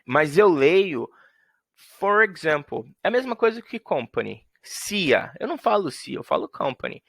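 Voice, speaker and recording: A man's voice: on the high side, very animated, unhurried, vocal fry, a bit bright, dry recording. A man teaching English grammar in a playful way, acting out little scenes to show his examples. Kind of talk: explaining grammar to students.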